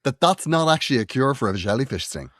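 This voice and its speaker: A man's voice: medium pitch, quick pace, dry recording, studio quality. A man co-hosting a comedy podcast, telling stories with lots of laughter and acted-out voices. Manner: animated storyteller, laughs often, acts out quotes. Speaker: podcast co-host. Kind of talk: casual comedic chat.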